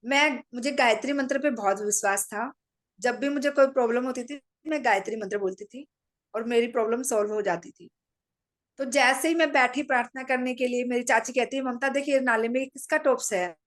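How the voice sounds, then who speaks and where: Fairly quick in pace, a middle-aged woman with a slightly high voice tells an audience her story as a meditation practitioner. She remains calm and matter-of-fact, weaving in dialogue she recalls speaking herself.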